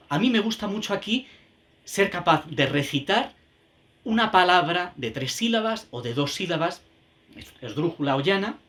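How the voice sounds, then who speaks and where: Over a video call, a man gives an online teacher-training talk to music educators, thinking aloud with lots of tag questions and repeated words and chanting rhythm syllables to mark the beat. His voice is high-pitched and fairly bright.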